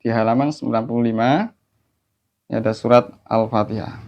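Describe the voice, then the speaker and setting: A man's voice: mid-range voice, fairly even intonation, slight background noise. Man teaching melodic Quran recitation. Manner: explains step by step, then chants recitation slowly. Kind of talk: online recitation lesson. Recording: dull lo-fi audio.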